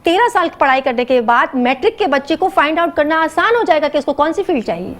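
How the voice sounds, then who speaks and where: A middle-aged woman with a Pakistani accent, an educationist speaking as a guest on a morning show, earnest and animated, mixing English words into her talk. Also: sits high.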